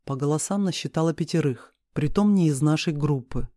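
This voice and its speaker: A man reading a first-person novel aloud in a steady storytelling delivery. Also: on the high side, fairly quick, no echo, clean studio sound. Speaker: audiobook reader.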